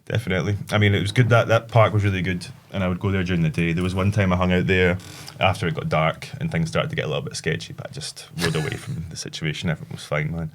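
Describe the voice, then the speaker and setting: Very deep, rambling guest. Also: male voice, little pitch movement, quick pace, hardly any pauses, a little hiss or hum. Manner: rambling, easygoing, many fillers. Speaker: podcast guest. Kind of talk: casual chat.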